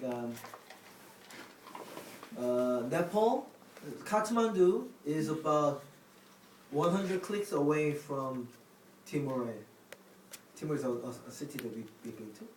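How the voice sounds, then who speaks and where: A man casually explaining words to the camera, speaking haltingly with restarts and non-native phrasing. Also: fairly high pitch, a little mellow. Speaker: vlog host explaining words. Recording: echoey room from a distance, faint noise.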